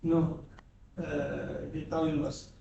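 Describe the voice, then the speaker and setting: Halting guy from iran, flat gravelly voice, far off in an echoey classroom. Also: on the high side, lo-fi sound, background noise. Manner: hesitant, halting with many fillers. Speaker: graduate student introducing himself.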